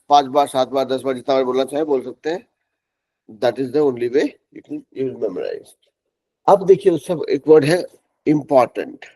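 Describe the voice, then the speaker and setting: A middle-aged man from Bihar teaching English pronunciation in a classroom, spelling words out letter by letter and repeating them slowly. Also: a little high, warm tone. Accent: Bihari Hindi. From Bihar, India.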